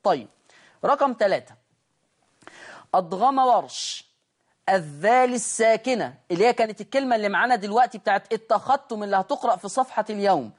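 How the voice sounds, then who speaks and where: A man with an Egyptian Arabic accent leads a lesson on Quran recitation rules. He draws each recited example out slowly and carefully, then explains in quick, chatty bursts, often turning to his students to check they are keeping up. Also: sits high, lively intonation. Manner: addresses the class directly and checks they follow.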